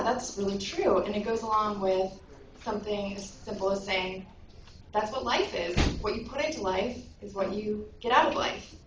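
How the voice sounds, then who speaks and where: A woman school guidance counselor giving a speech at a school awards breakfast, telling a story and acting out its voices. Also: mid-range voice. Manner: warm storytelling, acts out quoted voices. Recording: echoey room from far off, noise.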